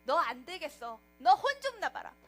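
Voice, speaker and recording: A frantic male debtor from a storybook, all wailing pleas and loud threats, as a woman acts him out. His voice is pitched very high and bright, swinging widely in pitch. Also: very animated, moderate pace, faint music behind. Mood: shouting angrily. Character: desperate male debtor, begging then bullying.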